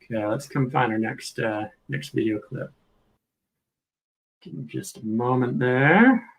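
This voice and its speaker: This is a video host reviewing footage, a man with a creaky, medium-pitched voice. He goes through the clips at a measured pace, thinking aloud in casual, informal live commentary.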